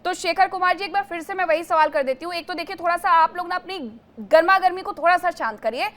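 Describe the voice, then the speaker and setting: A woman news anchor moderating a heated TV debate, firm and calming as she questions the panelists. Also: extremely high pitch, quick pace.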